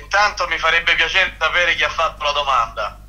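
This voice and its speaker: A man talking over a speakerphone from his car as a club president, formal and measured as he calls in to a press conference. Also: a little high, background noise. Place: in a moving car.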